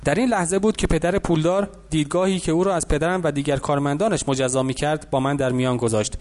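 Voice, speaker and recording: A man giving an even, reflective audiobook narration. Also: fairly high pitch.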